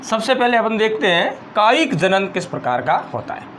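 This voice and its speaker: Male teacher, high voice, slow dictation of class notes, repeats phrases, faint room hum. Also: big pitch swings, fairly bright tone. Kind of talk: school biology lesson, dictating notes.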